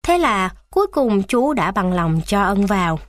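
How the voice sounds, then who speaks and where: A woman narrating a story in a steady, expressive reading. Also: medium pitch, measured pace, no echo, studio quality.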